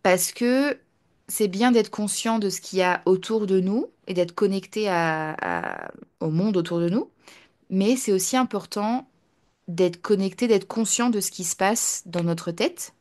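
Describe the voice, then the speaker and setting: A woman's voice: medium pitch, lively intonation, a little slow, darkish tone. A young woman, a language teacher, talking casually to the camera. She hesitates often and switches between French and English, repeating her points in translation. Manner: chatty, with frequent hesitations and fillers. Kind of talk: casual personal talk to camera.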